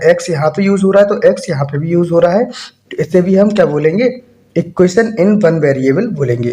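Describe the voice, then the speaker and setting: A man's voice: high voice, darkish tone. A man teaching a maths lesson in Hindi-accented speech, often asking the class a question and then answering it himself. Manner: asks rhetorical questions and answers them himself.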